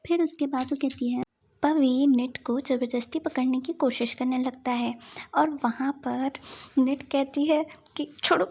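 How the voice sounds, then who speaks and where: A woman's voice: high voice, fairly even intonation, unhurried, dark tone, husky. A woman casually retelling the plot of a romance drama, slipping into the characters' quoted lines in a plain voice. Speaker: drama recap narrator. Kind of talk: casual story recap.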